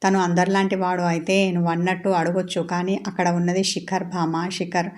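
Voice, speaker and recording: A woman voicing a suspicious, sharp-tongued young woman in a read-aloud story, in a flat voice. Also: fairly low pitch, brisk, close to an everyday voice. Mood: accusing. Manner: flat, even reading voice.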